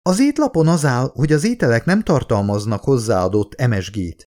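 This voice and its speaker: A man's voice: medium pitch, lively intonation, darkish tone, lightly acted. A man reading an audiobook, voicing a firm, curt middle-aged woman working behind a food counter.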